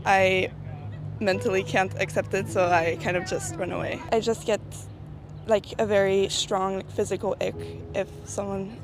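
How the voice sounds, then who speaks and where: A woman from Norway, interviewed on camera, answering candidly with laughs and hesitant pauses. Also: mid-range voice, flat delivery. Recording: interview clip with loud music behind.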